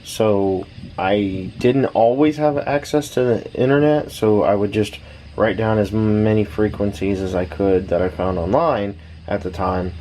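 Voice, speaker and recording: An American man in his thirties, rambling casually and haltingly as he thinks aloud in a laid-back hobby vlog. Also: lowish voice, warm tone. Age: 30s. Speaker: radio hobbyist, vlogger. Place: small backyard shed. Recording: noisy shed, fireworks in distance. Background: background noise, distant fireworks popping.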